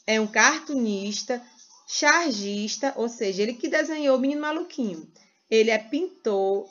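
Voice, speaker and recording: A Brazilian woman teaching first graders in a sing-song way, stretching words slowly for small children. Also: a little high, muffled recording. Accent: Brazilian Portuguese. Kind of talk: teaching a recorded lesson to young children.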